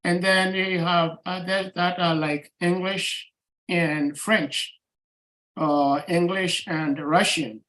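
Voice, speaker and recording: A class participant from Nigeria giving brief, measured answers. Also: mid-range voice, steady tone, fairly bright tone, poor audio.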